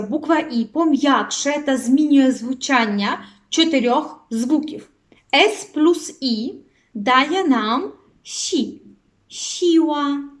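Slow, high-voiced woman teaching a lesson. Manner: slow, careful pronunciation drills, repeating each word twice. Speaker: language teacher. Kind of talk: online language lesson.

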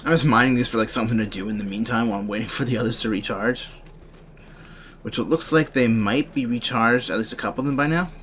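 Young man, game streamer, bright tense voice, rambling, sleepy, faint background hiss. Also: mid-range voice, fast talker. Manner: rambling, drowsy, thinking aloud. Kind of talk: casual gameplay commentary.

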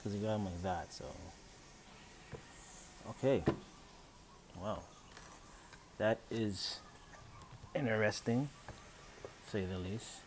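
A man's voice: lowish voice, slow, pauses often, background noise. A man hosting a casual unboxing vlog at home, thinking aloud as he goes, recorded on a phone. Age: adult, father of three. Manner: thinks aloud, unsure and chatty. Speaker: channel host. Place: home room with Christmas tree. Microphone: phone camera.

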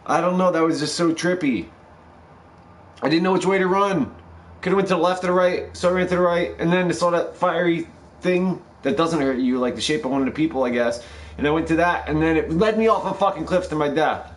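A man's voice: a little high, fairly quick. A man casually commenting while he plays a video game, exclaiming at scares, swearing and musing aloud about what he sees. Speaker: gameplay commentator. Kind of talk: casual let's play commentary. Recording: loud game music behind voice. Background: loud game music.

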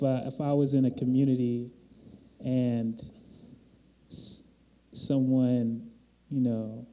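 Dark, slow-talking man panelist. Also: medium pitch. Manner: measured, reflective. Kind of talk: panel discussion. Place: large hall on a stage. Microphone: handheld mic.

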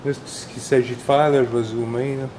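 Speaking briskly in a mid-range, darkish voice with a level tone, a Québécois French-accented snowmobile mechanic in his forties explains a repair step by step. He rambles casually with fillers in his indoor workshop garage, and the recording carries a little hiss or hum.

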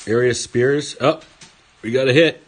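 A man's voice: medium pitch, unhurried. A man hosting a casual card break at a table, reading off player names as he opens packs. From Swedish heritage. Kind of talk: casual card-opening chat. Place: indoor table studio.

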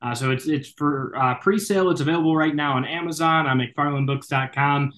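A young adult man who works as a baseball broadcaster appears as a podcast guest in a casual interview. His voice is a little high and a bit bright, his pace slightly fast, and his talk full of fillers and restarts.

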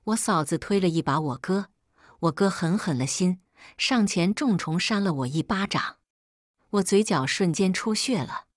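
A woman's voice: fairly low pitch, lively intonation, normal speed, no room sound, studio quality. A woman reading a family drama aloud as a scripted first-person narration, telling it expressively. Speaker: storyteller.

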